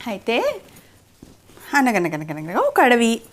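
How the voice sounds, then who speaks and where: A woman, a mother, telling a children's story in a playful, sing-song, animated way. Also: on the high side, takes it slowly.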